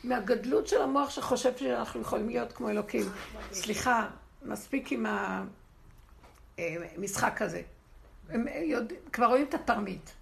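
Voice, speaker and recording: A woman giving an expressive, rhetorical religious lesson to a women's group, often laughing as she talks. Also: on the high side, vocal fry. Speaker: spiritual teacher.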